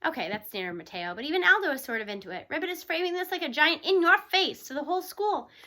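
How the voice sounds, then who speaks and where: An audiobook reader with a very high, bright female voice reads a children's story at a quick pace. She tells it in the first person, animated and expressive, acting out the tale as she goes.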